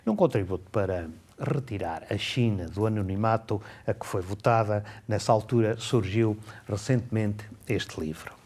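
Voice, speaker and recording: A man, speaking in a fairly low voice. He reviews a book in a calm, measured way and takes his time over each passage he reads aloud. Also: husky. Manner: measured, reads excerpts slowly and deliberately.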